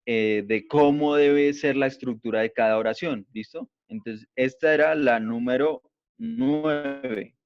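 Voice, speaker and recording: A man's voice: mid-range voice, sing-song, unhurried, creaky, smooth, no echo. A man teaching an English class, explaining step by step in a patient way and often checking that students follow. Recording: dull lo-fi recording.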